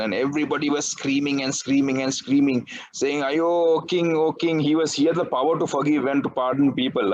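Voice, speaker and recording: Sri man preaching, dull sound. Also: medium pitch. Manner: conversational, peppered with "right?" tag questions. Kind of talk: sermon. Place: church.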